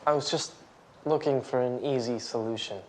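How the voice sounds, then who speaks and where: A man's voice: medium pitch, fairly even intonation, moderate pace, slight background noise, lightly acted. A young actor playing a worried teenage boy student in a TV drama, speaking earnestly and pleadingly, with music underneath. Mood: anxious. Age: young adult.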